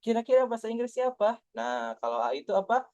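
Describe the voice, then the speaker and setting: A young man tutoring young children through test answers, patient and coaxing, slowly spelling out letters. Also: sits high, very animated, a little mellow, dry recording. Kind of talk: online lesson reviewing test answers for young kids. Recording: dull, dry lo-fi sound.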